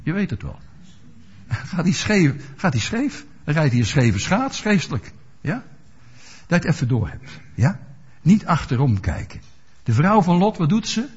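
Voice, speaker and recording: A man's voice: a little high, sing-song, moderate pace, long pauses, slightly rough. A male preacher giving a sermon, asking his listeners rhetorical questions and explaining scripture with everyday examples. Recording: dull lo-fi recording.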